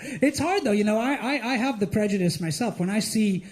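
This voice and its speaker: High-voiced man doing animated stand-up. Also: fairly quick. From India. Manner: animated, mocking, with lively acted-out asides. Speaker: stand-up comedian and host. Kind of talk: stand-up comedy set. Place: live comedy show before an audience.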